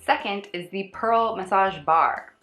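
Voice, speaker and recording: A woman's voice: medium pitch, expressive, unhurried, echoey room, music in the background. A woman chatting casually in a product review vlog, with wry, sarcastic asides.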